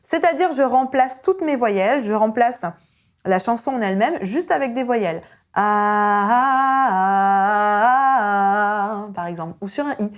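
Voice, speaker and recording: A young adult woman vocal coach gives an online singing lesson. She talks in an energetic, emphatic way and breaks into short sung vowel demonstrations. Her speaking voice sits somewhat high. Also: fairly quick.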